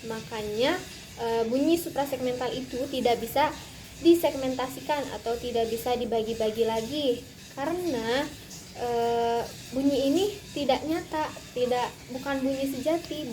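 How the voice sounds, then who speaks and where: Young indonesian woman doing a class presentation, high voice, lots of hesitations. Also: normal speed, a little mellow, a little hiss or hum, low-quality recording. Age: young adult. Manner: careful explanatory, frequent hesitations. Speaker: student presenter.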